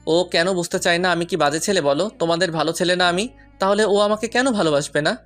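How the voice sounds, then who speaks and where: A man's voice: high-pitched, quick pace, fairly bright tone, soft background music. A man voicing a rich young man, heartbroken and pleading with the woman he loves, in an audio love story. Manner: pleading, anguished.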